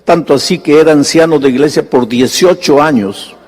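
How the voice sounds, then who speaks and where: Male pastor, slightly high voice, sermon with acted-out dialogue, long reverb of a big hall. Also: normal speed, a little mellow. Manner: storytelling preacher, acting out dialogue with sudden high-pitched bursts.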